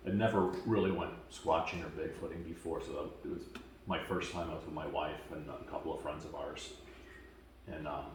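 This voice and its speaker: A low-voiced man from Washington state tells his story casually, with fillers and a lively retelling. He sounds far from the mic in a very echoey space. A faint hiss of noise sits under his voice. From Washington state, USA. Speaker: camp attendee giving a testimonial.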